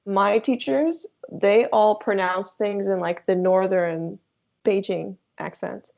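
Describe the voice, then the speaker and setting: A young adult woman chatting as a guest, talking in an animated, chatty way with many filler words. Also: mid-range voice, slow, vocal fry. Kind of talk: casual chat. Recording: dull lo-fi sound.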